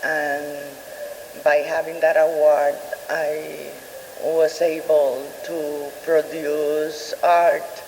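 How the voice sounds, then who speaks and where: A woman from Rico, speaking as an exhibiting artist at a gallery opening in a slow, halting way with many pauses. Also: low voice, level tone, darkish tone. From Puerto Rico. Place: college art gallery. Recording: roomy gallery with long reverb, faint noise.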